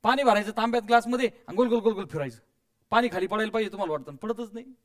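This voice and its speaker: A man's voice: sits high, very fast. A man teaching physics to a classroom of students, coaxing and quizzing them, mixing English terms in and adding playful sound effects.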